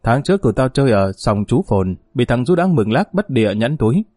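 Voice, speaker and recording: A man voicing a grim, vengeful young man who talks low, terse and controlled. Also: big pitch swings, fairly quick, mellow, no echo, studio quality.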